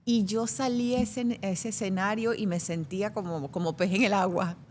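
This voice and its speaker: A middle-aged actress from Venezuela, telling stories in a lively way during a casual interview. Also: female voice, medium pitch, normal speed, a little hiss or hum. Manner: lively anecdotal storyteller. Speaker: actress guest.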